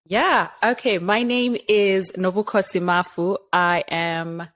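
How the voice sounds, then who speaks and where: A woman's voice: mid-range voice, steady tone, takes it slowly, fairly bright tone. A woman from Zimbabwe, a guest on a podcast, chatting in a friendly way and sounding a little tired. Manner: friendly, chatty, laughs easily. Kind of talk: casual interview chat.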